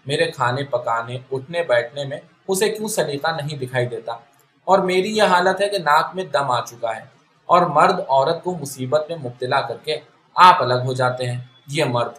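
A man reading the lines of a timid, resentful pregnant young wife in a story, in a lowered tone. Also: a bit bright, echoey room, lightly acted. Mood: bitter. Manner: timid, resentful inner complaint.

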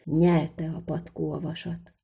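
A woman's voice: sits low, flat delivery, creaky, warm tone, husky. A woman reading a folk tale aloud in a vivid, rhythmic storytelling manner.

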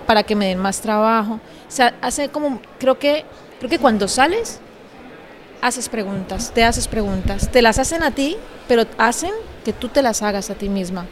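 A woman from Bogotá with a Colombian accent, an actress speaking reflectively in a measured way, often ending thoughts with a questioning tag. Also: a little high, slight background noise. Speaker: actress and guest. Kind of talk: reflective conversation.

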